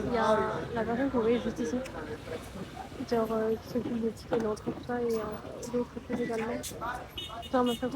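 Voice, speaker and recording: A young woman vlogging into her phone outdoors, ranting in a casual, chatty way with lots of fillers. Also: on the high side. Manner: annoyed, chatty, many fillers like genre and euh. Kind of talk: casual vlog rant. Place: outdoors waiting on the street. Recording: outdoor street noise behind.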